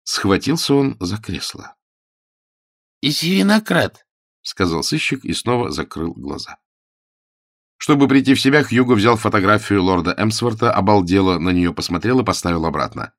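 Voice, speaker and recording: Man, audiobook narration, wry, gravelly low voice, dry close recording. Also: expressive, moderate pace, no echo.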